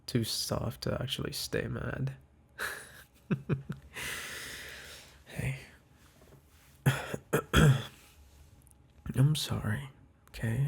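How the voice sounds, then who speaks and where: A man with a mid-range, husky and breathy voice whispers close to the mic, voicing a boyfriend who tenderly apologizes to the listener. His soft, hesitant delivery includes sighs and restarts in this intimate, ASMR-like roleplay.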